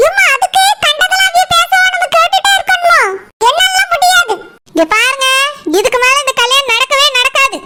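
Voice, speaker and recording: A defiant young bride in a cartoon, voiced by a woman. Her voice sits very high and tight. She scolds bluntly, never softening. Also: a little fast, far from the mic, noisy background. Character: proud young bride, sharp-tongued and defiant. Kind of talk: cartoon voice acting.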